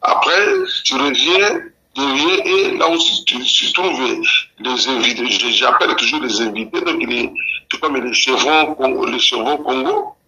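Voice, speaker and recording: A male guest explaining a topic, speaking haltingly and repeating himself. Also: medium pitch, lively intonation, pushed and bright, poor audio. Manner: halting, with restarts and repetitions. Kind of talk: explanatory call-in commentary.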